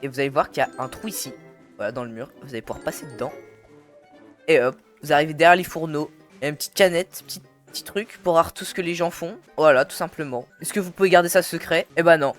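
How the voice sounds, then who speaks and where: A man's voice: fairly high pitch, quick pace, fairly bright tone. A young man giving casual, playful gameplay commentary, teasing and slangy, talking straight to his viewers. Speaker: gaming YouTuber. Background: faint background music.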